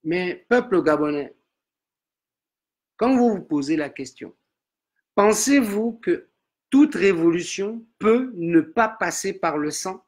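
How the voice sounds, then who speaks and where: A man's voice: sits high, expressive, takes it slowly, long pauses. A man translating a sermon into French, earnestly repeating each line after the preacher. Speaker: interpreter.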